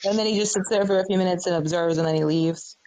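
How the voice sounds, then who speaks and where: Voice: medium pitch, steady tone, fast, a little mellow, no echo, poor audio. A speaker in a casual live audio chat, rambling loosely with plenty of swearing. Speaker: Clubhouse speaker.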